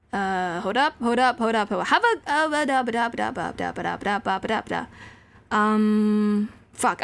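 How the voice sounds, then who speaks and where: A female live streamer plays a game and chats casually with a high voice and very animated intonation. Her delivery is rambling and halting, circling back and repeating phrases.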